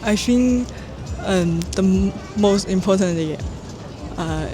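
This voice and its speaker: A man's voice: high voice, slow pace, over music. A man from China with a Chinese accent, answering street interview questions in English, hesitant and searching for words with many fillers. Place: outdoors on a city street.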